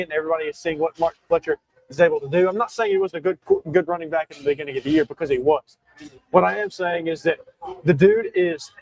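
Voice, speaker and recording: With the hiccups, a young man running a solo sports talk show speaks emphatically and keeps restarting and self-correcting. His voice is a little high and creaky, recorded dry with poor audio.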